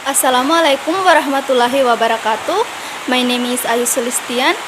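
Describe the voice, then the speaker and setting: A woman's voice: high-pitched, moderate pace. A young woman student explaining English question tags in a class video, hesitant with frequent fillers and restarts. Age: young adult. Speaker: student presenter. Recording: loud steady hiss behind voice.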